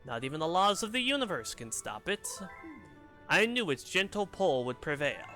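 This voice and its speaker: A man voicing a serene, motherly female cosmic guardian, reading her lines softly and slowly with a joking put-on edge. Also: fairly high pitch, very animated, soft background music. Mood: solemn, tender.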